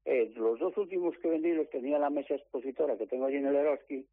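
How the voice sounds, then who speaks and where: Man, lottery seller on the phone, lively storyteller, tinny dry line. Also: medium pitch, fast, dry recording. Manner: animated storytelling, acts out quoted dialogue. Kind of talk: interview on the phone.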